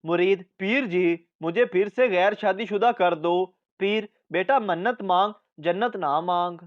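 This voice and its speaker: A man reading out a string of short jokes as the narrator, with a measured delivery of the punchlines. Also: sits high, dull audio. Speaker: joke narrator.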